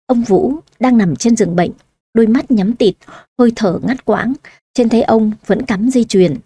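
Woman reading a story aloud, steady, highish mellow voice. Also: moderate pace, slightly rough, no echo. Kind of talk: audiobook story narration.

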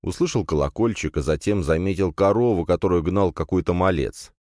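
Deep-voiced male audiobook narrator. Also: fairly quick, dry recording, studio quality. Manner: steady first-person storytelling.

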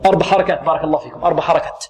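رجل يعلّم التجويد بصوت مرتفع النبرة. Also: male voice, fairly high pitch. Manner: asks questions and answers them himself, repeats words slowly. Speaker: Quran recitation teacher. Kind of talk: tajweed lesson with demonstrations.

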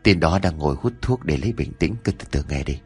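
A man voicing a calm senior police officer who speaks quietly and measuredly. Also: rumbling low, fast, slightly rough, dry recording, faint music behind, pitched below the performer's own voice, full character voice.

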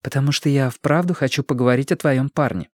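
A man doing a soft coaxing young woman. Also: mid-range voice, quick pace, no room sound, clean studio sound, voice pushed up, lightly acted. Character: gentle concerned young woman.

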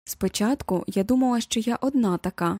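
A woman reading a first-person novel aloud as an audiobook narrator, measured and reflective. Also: a little high, mellow, no echo, clean studio sound.

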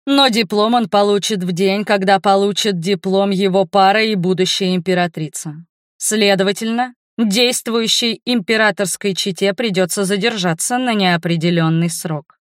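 A woman reading the lines of a formal male academy rector in an audiobook, in a measured, official way. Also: mid-range voice, fairly even intonation, dry recording, clean studio sound, close to an everyday voice. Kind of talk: audiobook narration.

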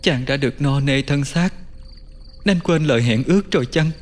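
A man voicing a young woman spirit who waits on a river ferry, in a soft plaintive falsetto, reading the lines of a folk tale. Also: moderate pace, soft background music, close to an everyday voice. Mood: reproachful. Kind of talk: storytelling voices.

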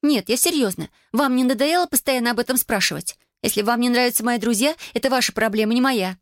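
A woman's voice: a little high, fast talker, no room sound, studio quality, pitched above the performer's own voice, natural voice. A woman reading the part of a defiant teenage girl, protesting in a whiny, indignant way.

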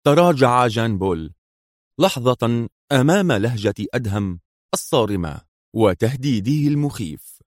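A man narrating an audiobook thriller in a measured, dramatic storytelling manner. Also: medium pitch, animated, dry recording, clean studio sound.

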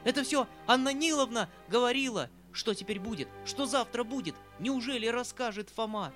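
A man voicing a loud, excitable old gentleman. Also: high voice, normal speed, over music, close to an everyday voice. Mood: desperate. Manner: loud, urgent, exclaiming. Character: agitated older male country gentleman, kindly, excitable. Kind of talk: audiobook character voice.

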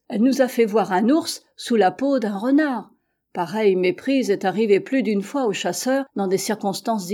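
A woman narrates a classic adventure novel as an audiobook. Her voice is mellow and warm, sitting at an everyday middle pitch. She reads steadily and with care, raising her voice a touch for the characters' dialogue. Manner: steady, measured reading, lifting slightly louder for the characters' quoted lines. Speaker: audiobook reader.

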